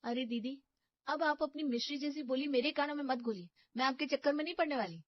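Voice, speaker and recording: A woman voices a touchy young daughter-in-law in a cartoon who is quick to quarrel. Her voice is high and she talks fast. The recording is dry and slightly dull. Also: no room sound, lightly acted. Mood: sulky.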